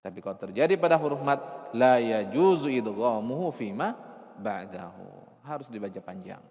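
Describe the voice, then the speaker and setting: A man teaching recitation rules, explaining with rhetorical questions and repeating key terms, sometimes slowly chanting verses. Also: medium pitch, lively intonation, a little mellow, in a large hall. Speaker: Arabic and Quran recitation teacher.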